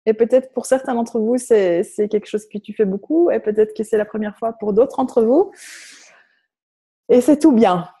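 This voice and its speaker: A woman from Flanders with a Flemish accent in French, a native Dutch speaker, guiding an online group through spiritual coaching in a halting way that searches for words. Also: fairly high pitch, mellow, breathy edge. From Flanders, Belgium. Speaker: workshop facilitator.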